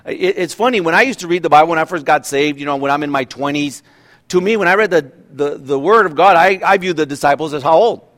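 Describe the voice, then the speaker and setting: A man's voice: on the high side, quick pace, fairly bright tone. A pastor in his fifties giving a conversational sermon, asking rhetorical questions and often restarting his sentences. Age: 50s.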